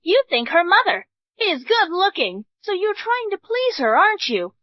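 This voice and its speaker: A woman's voice: very high voice, sing-song, normal speed, no echo. A woman dubbing a snobbish, scornful wealthy mother-in-law who talks down to others. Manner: haughty, insulting. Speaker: groom's mother. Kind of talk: English drama dub. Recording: dull dry studio dub.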